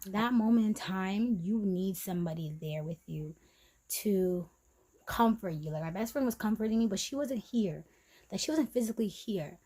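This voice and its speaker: Speaking at medium pitch and a moderate pace, a young woman opens up on her vlog about a difficult period, at times near tears and often repeating herself. Her delivery is full of fillers and restarts and fades soft and quiet. The recording is rough, and the piece is an emotional personal story.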